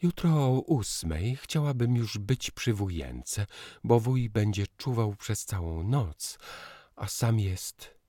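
A man's voice: fairly low pitch, lively intonation, slow, mellow, dry recording, studio quality, voice pushed up. A man voicing a young newlywed woman who speaks in a cool, firm, clipped way. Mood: cold. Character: young bride, cool and stiffly dutiful.

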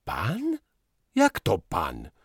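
A man's voice: deep voice, wildly swooping pitch, slow, a little mellow, dry recording, clean studio sound, heavily acted. A man voicing a pleading, wounded young husband. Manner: pleading, anguished.

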